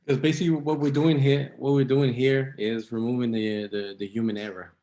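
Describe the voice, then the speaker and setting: A man co-hosting a casual podcast who asks questions and gives short, calm replies. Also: mid-range voice, fairly quick. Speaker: podcast co-host.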